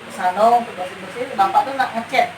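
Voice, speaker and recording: A woman's voice: medium pitch, brisk. Woman storytelling, distant and noisy. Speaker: guest recounting ghost sightings. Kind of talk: casual conversational storytelling. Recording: roomy, distant mic with background noise.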